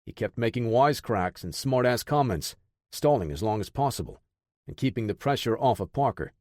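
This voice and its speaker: A man narrating an action thriller audiobook in a steady, dramatic way. His voice sits in a middling pitch, recorded dry and close. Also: a little fast, dry recording. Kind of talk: scripted narration.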